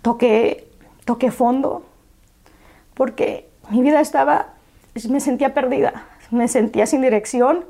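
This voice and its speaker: Emotional halting woman. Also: high-pitched, mellow. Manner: emotional, halting, repeats words. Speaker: guest. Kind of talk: personal storytelling in conversation.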